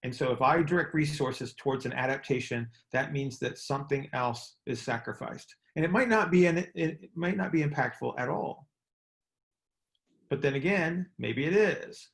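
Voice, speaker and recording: On a group call, a host and coach explains things casually in a medium-pitched, animated voice with vocal fry. His delivery is halting; he repeats words frequently and keeps asking checking questions to confirm everyone agrees.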